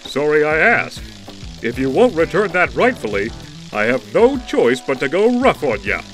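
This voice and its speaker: A man's voice: fairly high pitch, big pitch swings, moderate pace, fairly bright tone, faint music behind, low-quality recording. A man playing a wisecracking, earnest young superhero in a campy audio drama, speaking in a folksy, quippy, heroic way. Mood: defiant.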